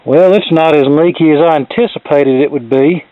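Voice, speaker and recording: Speaking at a normal speed in a somewhat high voice, this middle-aged man walks viewers through a repair in his workshop, using homespun, plainspoken phrasing as a hobbyist electronics fixer. There's no room sound, and the recording is close, dry, narrow and tinny like a phone.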